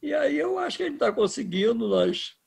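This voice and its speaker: Older man from Brazil, seventies, gravelly voice, fairly high pitch, impassioned interview talk. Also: sing-song, brisk. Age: 70s. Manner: impassioned, emphatic, restarts words. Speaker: interviewed filmmaker. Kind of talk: political interview.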